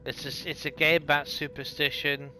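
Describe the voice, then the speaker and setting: A man's voice: a little high, level tone, moderate pace, bright, forceful tone, slight background noise, rough recording. A man giving casual, sarcastic let's play commentary on a video game, thinking aloud. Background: game music and sounds.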